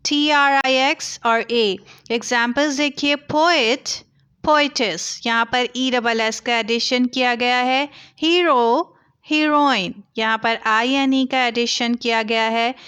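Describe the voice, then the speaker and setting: A woman's voice: a little high, a bit bright, clean tone. A young woman teaching an English grammar lesson, explaining patiently with many examples and mixing Hindi with English words.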